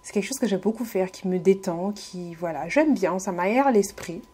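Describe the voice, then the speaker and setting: A husky, dark-toned woman's voice of medium pitch speaks at a moderate pace. The beauty vlogger narrates a casual tutorial, addressing viewers directly with friendly hesitancy, many fillers, and repeated restarts.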